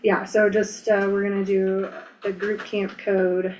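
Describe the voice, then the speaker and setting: Casting: American woman, meeting chair, middle pitch, plain procedural delivery, faint room noise. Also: level tone, unhurried, darkish tone, rough recording. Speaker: planning commission chair. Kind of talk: running a public meeting, procedural. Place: indoor public meeting room.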